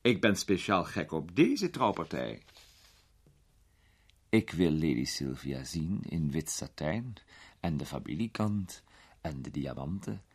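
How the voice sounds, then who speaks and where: A man voicing a flattering, playful young aristocrat in a storybook reading. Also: extremely low pitch, husky, full character voice. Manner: flattering, teasing.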